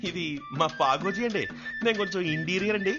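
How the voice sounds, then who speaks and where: A man's voice: high-pitched, fast, close to an everyday voice. A man dubbing a timid, talkative village man in a comedy film, pleading and rambling. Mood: chatty. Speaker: dubbing actor. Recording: dull film audio with music.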